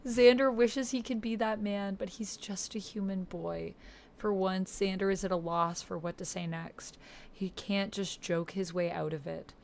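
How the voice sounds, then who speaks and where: This woman has a mid-range voice with vocal fry and a measured pace. She runs and plays a solo text roleplay on her own, reading posts out loud and breaking in with expressive gasps and exclamations.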